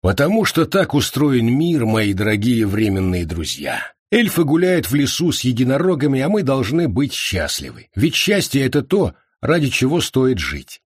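A man voicing a calm, broad-shouldered man who speaks unhurried and slightly haughty. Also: medium pitch, breathy edge, no echo, studio quality, voice pushed up. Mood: languid.

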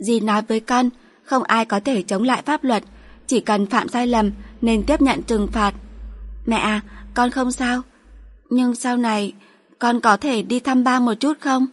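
A woman's voice: a little high, steady tone, unhurried, voice pushed up. A woman voicing a small, earnest and tender girl in an audiobook, with a sweet, pleading childlike voice. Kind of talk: audiobook character voice.

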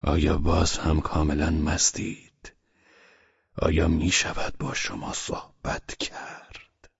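A man's voice: low-pitched, animated, creaky, slightly rough, no room sound, lo-fi sound, heavily acted. A man voicing a stern, commanding middle-aged man who gives curt orders. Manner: curt and bossy.

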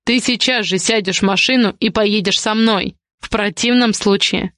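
A woman's voice: fairly bright tone, no room sound, studio quality, close to an everyday voice. A woman reading the lines of an angry, possessive man, a domineering guardian, with curt commands. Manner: curt, commanding, low and slow.

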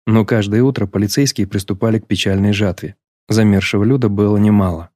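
A man reading a novel aloud as an audiobook narrator, in a measured, even storytelling manner. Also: on the low side, no room sound, clean studio sound. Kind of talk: scripted literary narration.

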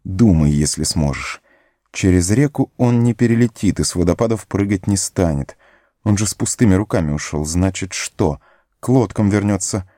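Male reader voicing a loyal hobbit lad, stubborn and weepy, pitched well above a low, dark, dry-recorded voice. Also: moderate pace, no echo, lightly acted. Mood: frantic. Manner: high pleading, sobbing, breathless. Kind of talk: audiobook character voice.

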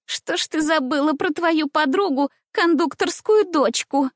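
A snobbish little girl from a children's storybook sneers in a high, drawn-out voice, as a woman reader puts her on. Every word drips with disdain. The sound is dry and close-up. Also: no echo. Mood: scornful.

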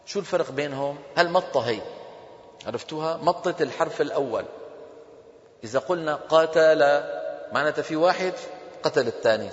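A man giving a classroom lesson, asking his students questions and answering them himself. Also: on the high side. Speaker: teacher of Quran recitation. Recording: dull echoey hall recording.

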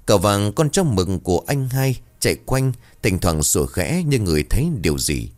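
Deep-voiced male ghost story narrator. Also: big pitch swings, normal speed.

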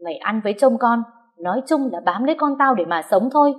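A woman voicing a scornful elderly mother-in-law who shouts abuse in a high, raised voice. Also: animated, fast talker. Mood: furious. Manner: shouting, abusive.

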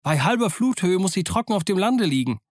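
A man's voice: high-pitched, big pitch swings, fairly quick, no echo, studio quality, voice pushed up. A man voicing a frightened, honest teenage boy who pleads earnestly in an audiobook. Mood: urgent. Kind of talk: audiobook character voice.

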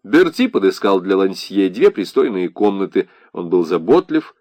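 A man narrating a literary audiobook in an expressive, dramatic way. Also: deep voice, moderate pace, no room sound. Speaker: audiobook reader.

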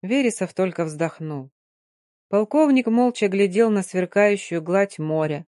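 A woman's voice: mid-range voice, a little slow, mellow, no echo, clean studio sound. A woman narrating an audiobook expressively, giving each character a voice.

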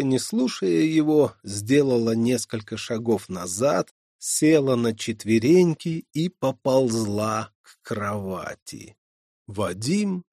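Male audiobook reader, slow and lively, dark gravelly tone. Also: medium pitch, dry recording, studio quality. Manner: measured, expressive reading. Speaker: audiobook narrator. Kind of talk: scripted narration.

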